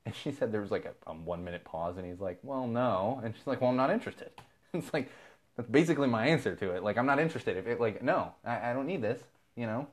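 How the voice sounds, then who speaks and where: Fast and animated, at medium pitch, a podcast host from Southern California rants through a live feed, casual and exasperated, cursing freely.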